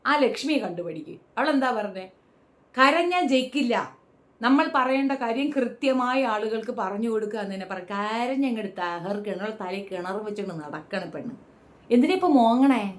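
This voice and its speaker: A woman vlogger speaks in a fairly high voice. She gives a blunt, opinionated commentary and turns sarcastic and scolding as she goes. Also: expressive, normal speed. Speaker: reality show commentator.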